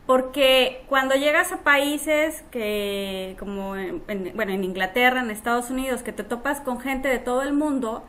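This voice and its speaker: A woman's voice: on the high side, normal speed, hardly any pauses, fairly bright tone. A woman hosting an interview podcast, chatting in a friendly way with filler words. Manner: friendly, uses fillers like "este", laughs often. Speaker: podcast host. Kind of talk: casual interview.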